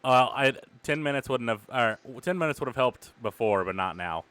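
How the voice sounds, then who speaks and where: A man's voice: medium pitch, expressive, moderate pace, fairly bright tone, smooth, dry recording. A man playing a tabletop game, chatting in an easygoing way and hesitating with fillers. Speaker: player. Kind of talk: casual tabletop game chat. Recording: clean, dry close mic.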